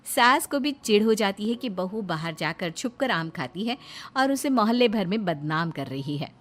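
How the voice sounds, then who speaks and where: A woman narrating a cartoon story in an even storytelling tone. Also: medium pitch, moderate pace, faint music behind.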